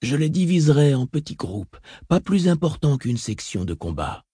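A man voicing a calm, calculating mentat advisor in an audiobook, soft-spoken and reasoned. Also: on the high side, moderate pace, slightly rough, no echo, clean studio sound, pitched above the performer's own voice. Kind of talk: audiobook reading.

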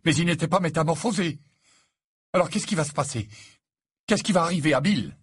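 A man's voice: fairly high pitch, takes it slowly, breathy edge, no echo, studio quality, voice pushed up, exaggerated voice. A man voicing a shaken, dismayed middle-aged father asking anxious questions.

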